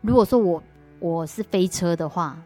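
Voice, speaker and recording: A woman with a Taiwanese Mandarin accent speaks in a fairly low voice as an interview guest. She tells her faith testimony earnestly, often restarting her sentences, while soft music plays faintly behind her. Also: normal speed.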